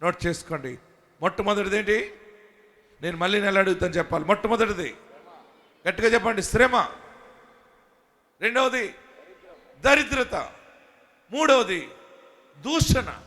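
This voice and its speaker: A middle-aged male pastor preaching a sermon, emphatic, moving from quiet asides to shouted exhortations and calling on the congregation to answer. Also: high-pitched, animated, a little slow, pauses often. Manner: calls on the congregation to shout hallelujah.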